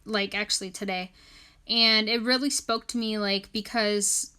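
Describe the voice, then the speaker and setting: A woman's voice: medium pitch, fairly even intonation, a little slow, pushed and bright, clean tone. A young woman with a slight lisp, leading a casual livestream Bible study through her phone, chatty and full of apologetic asides.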